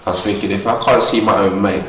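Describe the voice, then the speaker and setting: A man's voice: fairly low pitch, steady tone, quick pace, reverberant, distant mic, poor audio. A young man from Ghana, a boxer, talking earnestly and upbeat in a casual interview at a boxing gym. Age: young adult. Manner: earnest, upbeat, talks freely.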